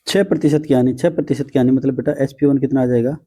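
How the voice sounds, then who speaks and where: Male math teacher, patient and teasing, dark husky tone. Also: mid-range voice, steady tone, quick pace. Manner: patient, calls students "beta", teasing. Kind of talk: blackboard math lesson.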